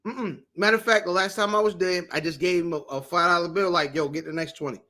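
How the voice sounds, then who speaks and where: A man's voice: high voice, steady tone, quick pace, pushed and bright. A man co-hosting a podcast, telling loose, slangy stories in casual chat. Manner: laid-back storyteller, slangy, repeats "you know what I'm saying". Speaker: podcast co-host.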